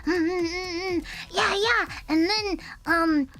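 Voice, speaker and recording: A woman's voice: very high-pitched, animated, unhurried, a bit bright. A young woman VTuber streamer chatting casually with her viewers in a bubbly, rambling way, full of fillers. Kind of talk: casual livestream chat.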